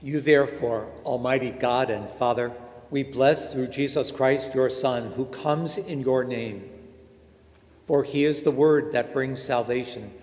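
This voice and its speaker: A man, a priest, reciting the prayers of Mass in a measured, solemn way, his voice ringing with a cathedral echo. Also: medium pitch, darkish tone. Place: large church. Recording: long cathedral reverb.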